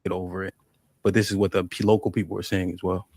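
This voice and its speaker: A man on a discussion panel, speaking in a measured, probing way. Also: low voice, level tone, a little mellow.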